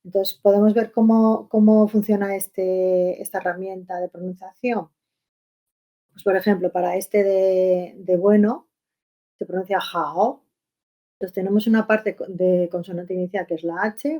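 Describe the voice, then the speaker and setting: A woman's voice: on the low side, warm tone. A woman from teaching a Chinese language webinar, explaining step by step with fillers and a habitual "¿no?". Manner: explanatory, frequent fillers and rhetorical "¿no?". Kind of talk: webinar lesson.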